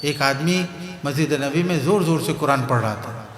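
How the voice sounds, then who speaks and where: A man's voice: on the high side, reverberant, big-room sound. A Pakistani man with a Pakistani Urdu accent giving a sermon at a religious gathering, telling parables, repeating key phrases and checking whether the crowd understands. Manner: keeps asking the crowd if they understand. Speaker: guest preacher.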